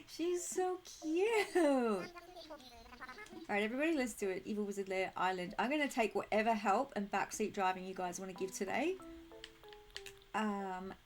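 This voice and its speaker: With music in the background, a woman live streams a game and chats warmly and casually to viewers, quick to giggle. She speaks at medium pitch in an animated way, though her throat is a little croaky and needs clearing.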